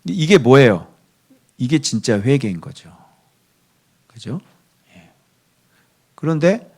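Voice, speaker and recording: A man preaching a morning devotional sermon, his pitch swinging widely as he talks. He keeps asking his listeners whether they agree and answers for them. Quoted verses drop to a near whisper. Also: mellow. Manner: asks the listeners for constant agreement, answers himself. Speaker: pastor.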